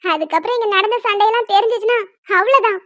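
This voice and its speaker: A woman voicing a cheeky younger sister who teases in a drawn-out, mocking way in a cartoon. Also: very high-pitched, fairly bright tone, dry recording. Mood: teasing. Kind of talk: cartoon voice acting. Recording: dull lo-fi dry recording.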